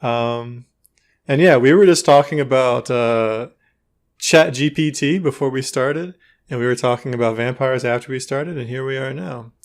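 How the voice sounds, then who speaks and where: A man's voice: mid-range voice, moderate pace. A man hosting a casual gaming podcast, joking with his co-hosts and laughing easily. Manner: jokey, laughs easily, playful intros. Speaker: podcast host.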